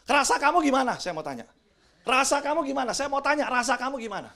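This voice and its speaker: A man's voice: extremely high pitch, animated, fast talker, vocal fry, sharp tone. A middle-aged man preaching a chatty youth sermon in a church, dropping English words in and keeps asking his listeners whether they agree. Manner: keeps asking the audience "right or not?". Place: church with a congregation, also livestreamed.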